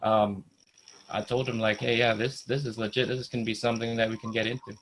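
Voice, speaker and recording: A man's voice: fairly low pitch, level tone, fairly quick, a bit bright, low-quality recording. Guy in his 30s, from indonesia, easygoing, chatting on a video call. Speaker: guest investor. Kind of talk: casual video call chat.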